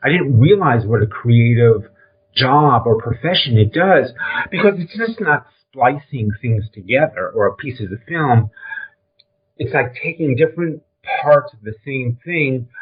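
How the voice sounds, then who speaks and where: A man's voice: medium pitch, lively intonation, a little slow, husky. Older Brooklyn man on a phone-like line. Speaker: interview guest, film trailer and design veteran. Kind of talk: conversational career reminiscence. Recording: thin, phone-like call audio.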